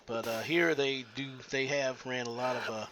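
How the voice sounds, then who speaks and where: A man of ordinary, mid-range pitch talks through a plumbing job in a how-to video. He speaks haltingly and keeps stopping to fill pauses as he works in a tight attic crawl space. A faint hum of ambience sits under his voice. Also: steady tone, a bit bright. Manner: halting, with many filler pauses. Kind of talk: how-to narration while working.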